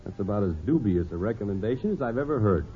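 A man's voice: fairly low pitch, expressive, quick pace, faint music behind, lightly acted. An actor playing an affable, dryly joking father in a 1950s radio sitcom. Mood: wry. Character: wry, easygoing middle-aged family father. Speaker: father of the family. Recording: tinny old radio transcription with hiss.

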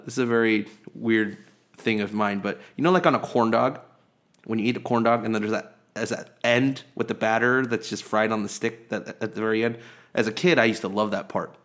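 A man's voice: on the low side, moderate pace, a bit bright. A man co-hosting a sports podcast in casual chat, rambling and chatty with many fillers and restarts. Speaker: podcast co-host.

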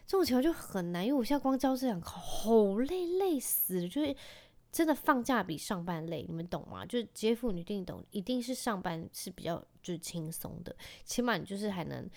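A woman's voice: mid-range voice, big pitch swings, a little fast, dark tone. A woman in her thirties with a Taiwanese Mandarin accent, chatting casually and rambling with many fillers as a podcast host. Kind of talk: casual solo chat.

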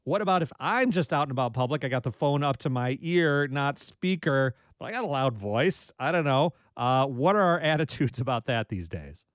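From the studio, a radio talk show host with a mid-range voice and lively intonation speaks at a moderate pace, no echo. He runs a public radio call-in show on a studio microphone, jokey, easygoing, conversational and self-deprecating.

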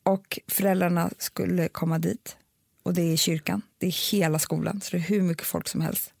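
A mother in a casual, emotional conversation, talking haltingly and repeating words when she gets upset. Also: on the low side, steady tone, creaky, a little mellow, slightly rough, no room sound, studio quality. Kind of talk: casual chat.

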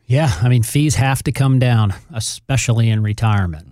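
Mellow man giving financial advice. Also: medium pitch, normal speed, dry recording, studio quality. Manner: explanatory, emphatic, addresses listener directly. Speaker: financial advisor on a radio show. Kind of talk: conversational advice talk.

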